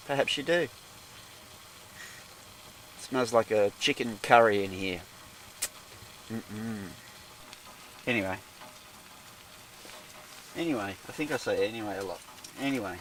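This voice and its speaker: An outdoor vlogger sits inside a small tent with a wood stove, chatting casually to the camera in a solo vlog and rambling through self-deprecating asides. His voice is on the low side, with slight background noise.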